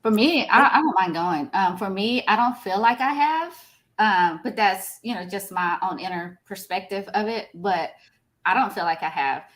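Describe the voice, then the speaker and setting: A woman panelist answering a question, measured and thoughtful, with frequent fillers as she thinks aloud. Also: medium pitch, lively intonation, fairly bright tone.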